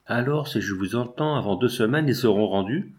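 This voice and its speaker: A sharp young man, as a male reader puts him on. His questions come ironic and probing, poking holes in what he is told. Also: mid-range voice, expressive, brisk, natural voice.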